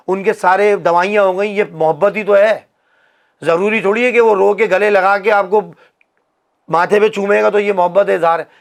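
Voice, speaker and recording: A man, hosting a casual comedic chat and ranting opinions while acting out the voices he quotes. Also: high-pitched. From Pakistan. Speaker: podcast host.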